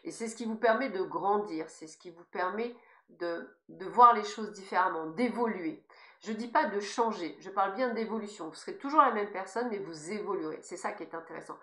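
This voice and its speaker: The room rings around a woman's mid-pitched voice. She has a noticeable lisp that softens her s sounds. She talks informally as a spiritual guide, addressing listeners directly with emphatic encouragement. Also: fairly quick. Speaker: spiritual guide giving guidance messages. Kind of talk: informal spiritual guidance monologue. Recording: echoey, reverberant room sound.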